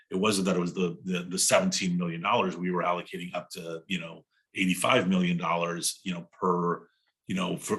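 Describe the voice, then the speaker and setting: A man with a very deep, low voice. He gives his opinion on a panel in a conversational way, often leaning on "you know" as he goes. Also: a bit bright. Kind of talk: panel discussion on a video call.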